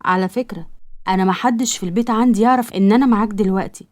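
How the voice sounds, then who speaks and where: A woman's voice: medium pitch, racing, darkish tone, lightly acted. A woman with an Egyptian accent voicing a shy, proper young woman who speaks defensively. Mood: earnest. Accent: Egyptian Arabic.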